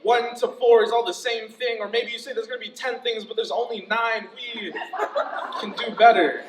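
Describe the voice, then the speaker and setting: A young man performing spoken-word poetry at a live club reading, dramatic and profane, with sardonic humor, swinging between loud outbursts and quiet intensity. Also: very high voice, steady tone, normal speed, noisy background. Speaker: student poet. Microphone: stage microphone. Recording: roomy live room, picked up from a distance.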